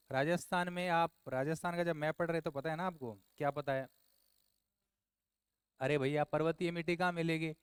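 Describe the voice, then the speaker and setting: A man from Rajasthan teaching an exam answer walkthrough, brisk, quizzing his listeners and scolding them in asides. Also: fairly high pitch, clean tone, no echo.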